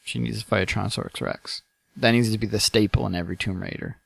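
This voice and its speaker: A man co-hosting a podcast in casual chat, riffing with quick jokes and a tired edge. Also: lowish voice, steady tone, vocal fry, husky, dry recording, studio quality. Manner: jokey, quick riffs, frequent laughs. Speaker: podcast co-host.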